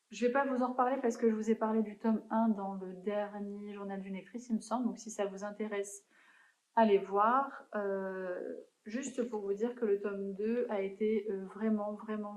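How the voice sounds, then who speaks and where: A woman's voice: mid-range voice, darkish tone, reverberant, poor audio. A young woman chatting casually about books she has read, in a hesitant way with frequent fillers and restarts. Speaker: book vlogger. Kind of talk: casual book review chat.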